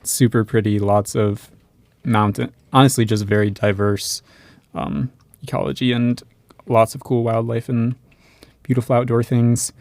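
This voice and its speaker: A man's voice: mid-range voice, little pitch movement, measured pace, a little mellow, no room sound. A young man on a podcast, hesitant and searching for his words. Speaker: podcast host. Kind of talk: casual chat.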